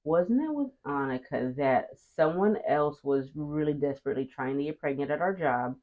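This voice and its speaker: A woman's voice: sits low, lively intonation, normal speed. A woman co-hosting a podcast who responds in a supportive, reflective way. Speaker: podcast co-host. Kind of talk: casual chat. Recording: muffled lo-fi audio.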